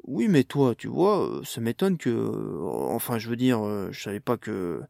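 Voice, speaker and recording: A man's voice: mid-range voice, lively intonation, creaky, darkish tone, dry recording, clean studio sound. A man doing a stammering awkward man. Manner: stammering, halting. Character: awkward flustered man, hesitant.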